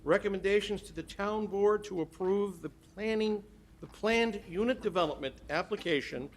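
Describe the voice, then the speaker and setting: A man chairing a planning board meeting, reading procedural rules in a measured way. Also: high voice, a little hiss or hum.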